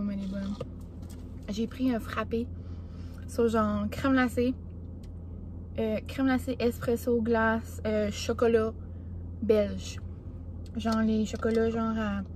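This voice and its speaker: A woman's voice: on the high side, background noise. A young woman with a Québécois accent, chatting casually to camera, rambling with lots of filler words. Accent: Québécois French. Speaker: vlogger. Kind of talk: casual vlog chat. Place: café, then home.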